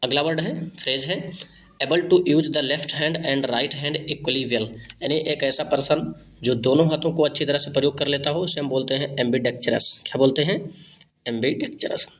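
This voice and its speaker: Hindi-speaking man teaching vocabulary slowly. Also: mid-range voice, fairly bright tone. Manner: reads English phrases slowly, then explains and repeats answers. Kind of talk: exam-prep lesson.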